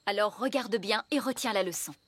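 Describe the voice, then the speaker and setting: A woman's voice: mid-range voice, fairly quick, a bit bright, husky. A woman playing a strict, proper fairy nanny who scolds and instructs but cares, in a French cartoon dub. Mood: firm, scolding.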